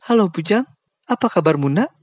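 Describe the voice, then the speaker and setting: A man voicing a warm, motherly older woman who speaks gently and grows emotional. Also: high-pitched, animated, a little fast, no echo, clean studio sound, voice pushed up.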